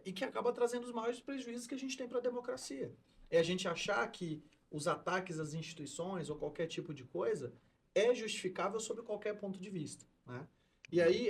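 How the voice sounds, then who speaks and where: A man in a podcast discussion lays out ideas like a teacher in class. His voice sits a little high and sounds husky, and he explains patiently, point by point. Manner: explanatory, lecturing tone. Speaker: co-host, law and philosophy teacher.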